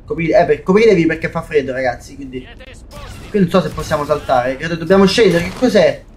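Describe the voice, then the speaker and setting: High-voiced young gamer. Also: male voice, a little fast, darkish tone, soft background music. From Italy. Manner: swearing, jumpy, talks to viewers as "raga". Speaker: gaming YouTuber. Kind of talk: let's play commentary. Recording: faint game noise and gunfire behind.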